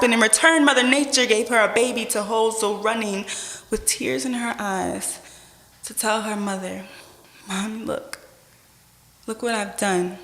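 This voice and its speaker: A woman performing spoken word poetry in a dramatic, rhythmic delivery with deliberate pauses and swells. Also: mid-range voice, a bit bright. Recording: echoey hall with long reverb.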